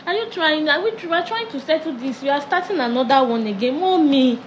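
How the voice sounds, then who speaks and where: A woman's voice: sits high, animated, fast, slight background noise. A woman playing a frustrated bride-to-be pleading with her mother in a comedy skit. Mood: exasperated.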